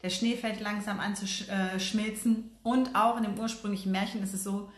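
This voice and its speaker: A woman casually retelling a fairy tale, often pausing with fillers and correcting herself as she goes. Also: medium pitch, steady tone. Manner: hesitant, many fillers and self-corrections. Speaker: storyteller. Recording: roomy echo.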